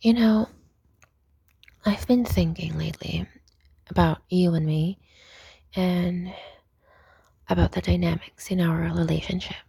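A young woman whispering close to the mic in an intimate roleplay, soft, coaxing and dominant. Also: lowish voice, steady tone, a little slow, gravelly, pauses often, husky, no echo. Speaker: audio roleplay performer.

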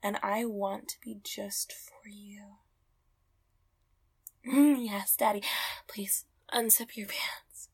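A woman performing an intimate roleplay in soft, close whispers, often laughing quietly. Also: medium pitch, steady tone, takes it slowly, creaky, pauses often, slightly rough.

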